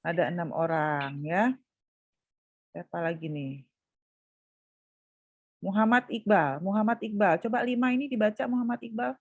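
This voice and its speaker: A woman's voice: mid-range voice, moderate pace, long pauses, no room sound, highs cut off. A woman university lecturer teaching statistics over a video call, calling on students by name and patiently prompting them to answer.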